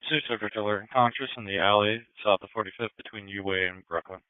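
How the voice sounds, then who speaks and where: Fast-talking man on police radio. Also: lowish voice, fairly even intonation, smooth, dry recording. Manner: clipped, procedural. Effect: radio transmission. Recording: tinny narrowband scanner radio.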